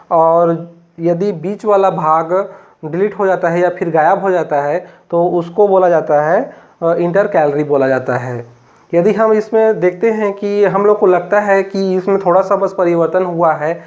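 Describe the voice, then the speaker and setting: In a biology class, a Chhattisgarh man with a regional Hindi accent walks through the material step by step, filling gaps with many fillers and frequently repeating himself. His high, slightly mellow voice comes through with the highs cut off.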